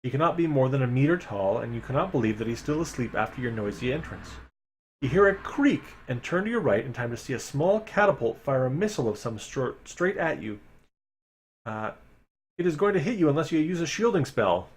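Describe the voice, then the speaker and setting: A man's voice: mid-range voice, expressive, fairly quick, husky. A man streaming a live reading of an adventure gamebook, reading passages aloud and making chatty, wry asides to his chat. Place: home streaming setup.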